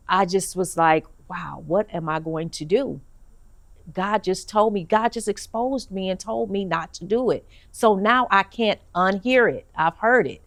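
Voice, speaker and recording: A middle-aged woman giving an earnest personal testimony, halting often with fillers as she tells her story. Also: medium pitch, a bit bright. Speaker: testimony speaker.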